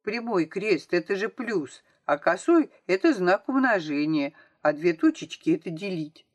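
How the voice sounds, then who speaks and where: A woman's voice: on the low side, sing-song, moderate pace. A woman reading as a smug, scornful little schoolboy. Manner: whispered, scornful.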